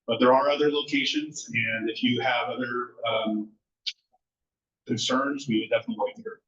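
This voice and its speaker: A neighborhood association officer makes unscripted announcements at a neighborhood meeting, with many fillers and restarts. His mid-range voice is steady and fairly bright at a moderate pace. The audio from the large, echoey school meeting room sounds distant and muffled.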